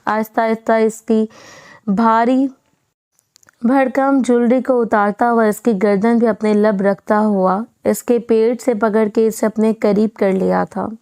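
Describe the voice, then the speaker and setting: A woman narrating a romance novel aloud in a steady storytelling manner. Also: fairly high pitch, clear, resonant tone, dry recording.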